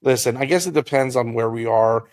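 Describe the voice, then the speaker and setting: A man's voice: mid-range voice, fairly quick, a little mellow, no room sound. A young man co-hosting a casual podcast chat, jokey and rambling, often trailing off mid-thought. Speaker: podcast co-host.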